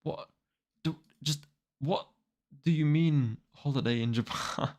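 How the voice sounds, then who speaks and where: A man's voice: fairly high pitch, slow, a little mellow. A twenty-year-old man chatting casually and wryly to a live-stream audience, rambling and exasperated. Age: 20s. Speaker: manga reaction streamer.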